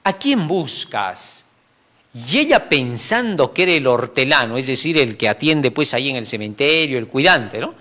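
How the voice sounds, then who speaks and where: A man teaching a Bible lesson in an expository style, animated and chuckling between points, often tagging his sentences with a question. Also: mid-range voice, normal speed, few pauses.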